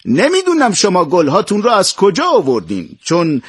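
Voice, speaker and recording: A wise old emperor from a children's storybook, as a male storyteller puts him on, kind but stern. His voice rises high and loud, and it sounds slightly husky and dry. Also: wildly swooping pitch, dry recording, full character voice. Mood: proclaiming. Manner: loud, proclaiming.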